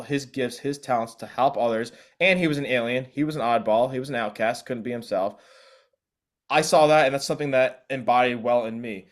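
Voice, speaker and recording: A man, a DJ guest speaking earnestly and reflectively, often restarting his phrases. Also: mid-range voice. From South Korea. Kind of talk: casual interview chat.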